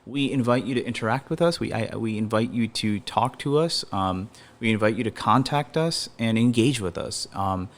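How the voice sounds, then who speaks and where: A man co-hosting a podcast on a coffee shop set, with a slightly low voice. He talks in a relaxed, casual way and repeats phrases as he signs off. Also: normal speed, hardly any pauses. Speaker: podcast co-host. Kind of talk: casual conversation.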